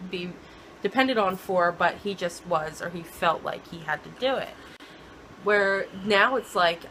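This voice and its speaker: A woman's voice: mid-range voice, pushed and bright, a little hiss or hum, rough recording. A woman co-hosting a casual TV recap chat, talking chattily and mimicking characters playfully. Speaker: podcast co-host.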